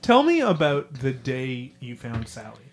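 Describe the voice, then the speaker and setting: Lively, laughing podcast host. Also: medium pitch, a little slow. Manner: playful questioning, laughs often. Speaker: comedy podcast host, interviewer. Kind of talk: improvised comedy interview.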